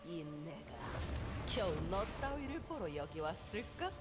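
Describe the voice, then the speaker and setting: An actor voicing a mocking, menacing demon villain in a video game. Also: male voice, high-pitched, very animated, very fast, music in the background. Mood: scornful.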